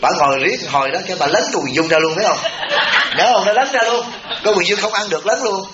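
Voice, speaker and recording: Storytelling Southern Vietnamese monk. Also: male voice, high-pitched, fast talker, over a noisy crowd. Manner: chatty storytelling, animated when quoting others. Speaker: Buddhist monk, abbot. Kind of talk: humorous dharma talk to a retreat audience. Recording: roomy, dull, noisy temple hall recording.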